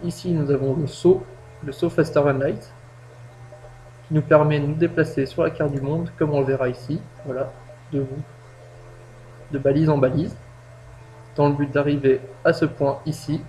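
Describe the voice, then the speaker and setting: Casting note: man, somewhat high voice, chatty self-mocking game tutorial host, low-quality home mic with faint hum. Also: steady tone, moderate pace, mellow. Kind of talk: casual gameplay tutorial.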